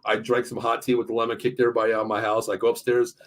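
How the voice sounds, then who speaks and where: A man co-hosting a casual sports talk show, excitable and rambling, who gets hyped up as he talks. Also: mid-range voice, racing. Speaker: podcast co-host. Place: home.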